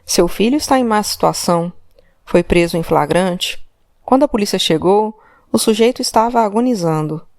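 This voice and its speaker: In a clean, echo-free studio recording, a woman narrating an audiobook voices a male police commissioner who interrogates insistently, demanding and pressing for the truth. Her natural, mid-range voice is slightly mellow, with lively intonation at a normal speed, and the mood is pressing.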